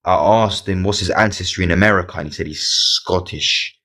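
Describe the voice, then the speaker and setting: A man's voice: deep voice, steady tone, brisk, sharp tone. A man chatting casually on a live stream, often stumbling and repeating words as he talks. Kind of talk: casual chat.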